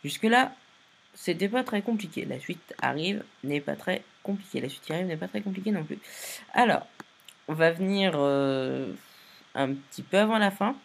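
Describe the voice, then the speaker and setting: A tired man casually narrating a software tutorial, giving step-by-step instructions with many fillers and restarts. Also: high-pitched, animated, moderate pace, creaky. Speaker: video editing tutorial maker.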